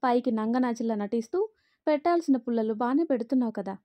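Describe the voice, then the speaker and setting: A woman voicing a bitter, sharp-tongued middle-aged mother-in-law who scolds and taunts in a raised voice. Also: a little high, fast, lightly acted. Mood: scornful.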